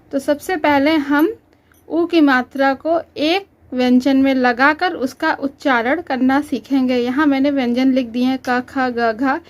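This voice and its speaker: Woman, teacher, children's lesson voice-over; slow, clear, patient delivery. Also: high voice. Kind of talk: children's Hindi lesson, reading syllables aloud.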